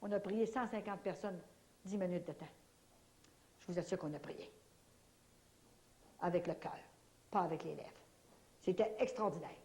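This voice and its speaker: A woman with a Québécois French accent giving a spoken religious testimony to an audience, telling her story in an animated, folksy way full of little fillers. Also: on the low side, normal speed, pauses often.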